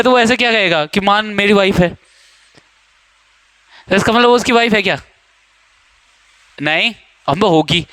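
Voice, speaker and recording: Young male coaching-class teacher, high clear voice, playful and teasing with students, dry classroom sound. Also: pushed and bright, no echo. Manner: joking, teasing students, quizzing them by name. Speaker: English teacher. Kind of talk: classroom grammar lesson.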